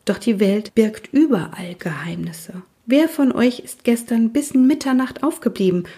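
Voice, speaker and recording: A woman voicing a quirky, cheerful female teacher from Scotland who speaks playfully and mysteriously, with slow dramatic pauses and a breathy voice. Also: a little high, expressive, dark tone, voice pushed up.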